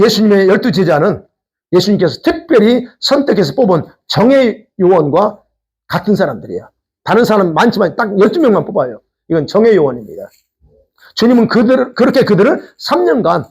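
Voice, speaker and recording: A man's voice: sits high, a little mellow, breathy edge. A man pastor preaching a sermon in a conversational way, posing questions to the congregation. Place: church sanctuary.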